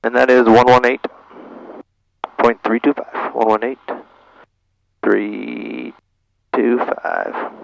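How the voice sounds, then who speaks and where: In a small airplane cockpit, a man narrating his own flight thinks aloud in short procedural phrases and handles radio calls over an aviation headset. His mid-range voice is level and slow, with vocal fry and frequent pauses. The recording is rough, carrying faint engine and radio noise.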